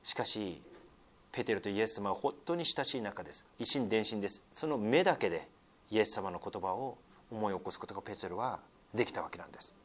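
Japanese pastor with a lively, swinging voice. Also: male voice, fairly low pitch, a little fast. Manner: swings between loud scripture reading and soft, near-whispered asides; conversational, with many fillers and tag particles. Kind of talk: sermon reading scripture with commentary.

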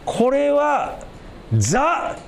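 A man's voice: very high-pitched, wildly swooping pitch, extremely slow, creaky, a little hiss or hum, voice pushed up, full character voice. A man voicing a worldly man who nags a martyr for stirring up trouble, in a sermon. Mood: exasperated. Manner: nagging, exasperated.

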